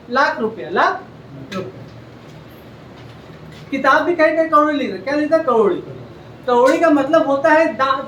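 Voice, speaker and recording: A man gives a classroom lecture, repeating key facts and firing questions at his students. His voice sits high, and the room rings around it. He is heard from a distance, with faint background noise. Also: a bit bright. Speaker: coaching teacher. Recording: echoey classroom, heard from afar.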